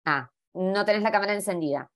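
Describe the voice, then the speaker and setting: A woman's voice: medium pitch, a little fast. A woman with a Rioplatense accent informally moderates an online academic panel. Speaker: session moderator. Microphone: video call.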